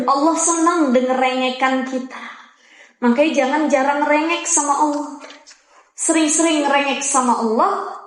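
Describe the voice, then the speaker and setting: A woman preacher, giving a lively, chatty sermon to women and teasing the audience. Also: on the high side. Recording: very echoey hall.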